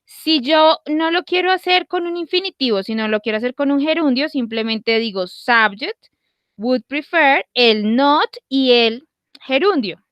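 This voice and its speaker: A woman teaching an online English grammar lesson. She checks in with her students often and slows down to read out example sentences. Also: sits high, animated, a bit bright, dry recording, muffled recording.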